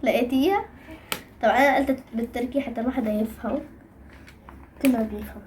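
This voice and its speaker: Casting: youthful female, very high voice, Syrian Levantine accent, casual drawing-video host, noticeable noise behind. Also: fast, darkish tone. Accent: Levantine Arabic, Syrian. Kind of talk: casual chat to viewers while drawing.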